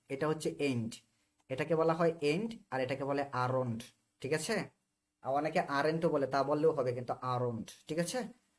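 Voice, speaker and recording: Bangladeshi man teaching English online. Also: fairly high pitch. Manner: explains slowly and repeats, often checks if students understand. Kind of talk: live online spoken English class.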